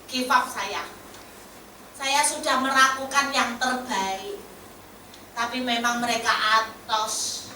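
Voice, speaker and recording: A woman's voice: fairly high pitch, slow, long pauses, sharp tone, a little hiss or hum. A woman pastor voicing a weary woman pleading in prayer, with Javanese words mixed in. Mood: despairing. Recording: echoey hall, distant mic.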